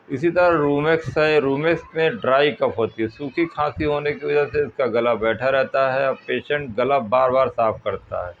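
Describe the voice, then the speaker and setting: A man, a homeopathy doctor, explaining remedies in a plain, measured talk. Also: mid-range voice. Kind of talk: health advice talk. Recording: tinny phone-like audio with faint noise.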